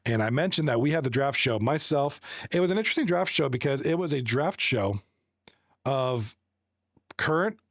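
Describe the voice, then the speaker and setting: An animated man with a mid-range voice talks at a moderate pace, recorded in studio quality with no echo. He's from Toronto, Canada, and commentates esports hockey, chatting casually on a livestream. Friendly and rambling, he reads chat aloud and runs through stats with many restarts.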